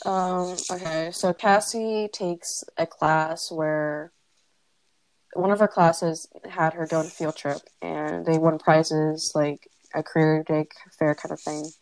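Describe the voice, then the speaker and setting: Low-voiced teen girl, dry close mic. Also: steady tone, takes it slowly, darkish tone, dry recording, poor audio. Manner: explains inside jokes, dry teasing. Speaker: podcast co-host. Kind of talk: casual chat. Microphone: headphone mic.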